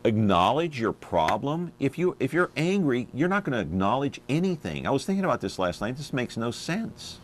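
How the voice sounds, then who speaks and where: A man's voice: medium pitch, sing-song, normal speed, few pauses, a little hiss or hum. A man hosting a talk show in casual studio chat, hesitant and full of fillers, asking questions.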